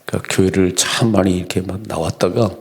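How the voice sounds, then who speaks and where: A man's voice: sits low, steady tone, quick pace, creaky. A man preaching an early-morning prayer sermon as pastor, earnest, lifting his voice when he acts out quoted lines.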